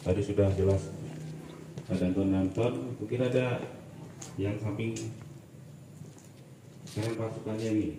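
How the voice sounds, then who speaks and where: A man with a fairly low voice addresses a gathered group of students, firm and corrective but dropping into casual asides. The sound is roomy and echoey. He is picked up from a distance, with steady background noise. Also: unhurried, gravelly, pauses often. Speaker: speaker addressing students at a school assembly. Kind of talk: lecturing, giving instructions. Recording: echoey, far from the mic, noisy.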